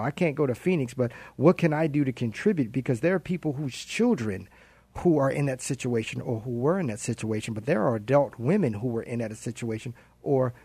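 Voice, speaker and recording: A man's voice: medium pitch, dark tone, slightly rough, no echo. A man hosting a radio interview, talking in a chatty, enthusiastic way. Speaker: radio host.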